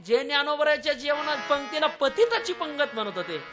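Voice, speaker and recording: High-voiced preacher telling a story. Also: male voice, brisk. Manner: animated, acts out voices of villagers, laughs often. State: slightly unwell, slow to pronounce words. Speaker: kirtan preacher. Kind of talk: devotional storytelling sermon. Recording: music behind the voice.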